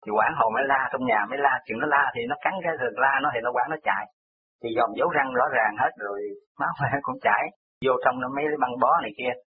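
A man with a Southern Vietnamese accent calls in to a radio show and tells a personal story at a brisk clip, piling on small details. His voice sits at an ordinary middle pitch. It comes through a thin, tinny phone line. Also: a crowd in the background. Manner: rambling, detail-heavy storytelling.

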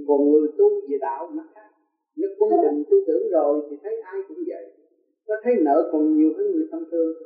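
Man preaching, telling a parable, rhetorical questions, phone-like sound, roomy echo. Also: sits high. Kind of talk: religious sermon with a parable. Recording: tinny, echoey, distant from the mic.

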